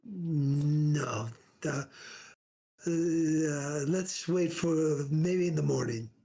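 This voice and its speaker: A man's voice: a little high, drawn-out words, vocal fry, dark tone. A man playing in a tabletop game, speaking his character's lines in improvised role-play.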